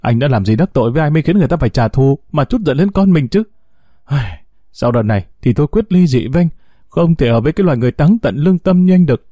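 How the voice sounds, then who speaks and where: A man's voice: a little high, lively intonation, fast, mellow, no echo, clean studio sound. A man putting on a frantic young mother. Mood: furious. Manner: stammering, pleading, accusing.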